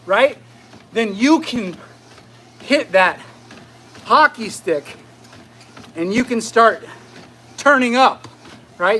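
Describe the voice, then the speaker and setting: A man giving a casual motivational fitness talk as a coach while walking briskly on a treadmill, often checking in with "right?". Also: very high-pitched, sharp tone, a little hiss or hum. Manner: conversational, often tags phrases with "right?".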